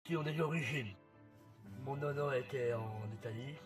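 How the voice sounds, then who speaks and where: A man's voice: mid-range voice, moderate pace, far from the mic, over music. A teenage boy from Belgium, talking eagerly to viewers in an old YouTube video. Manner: eager, chatty, addressing viewers.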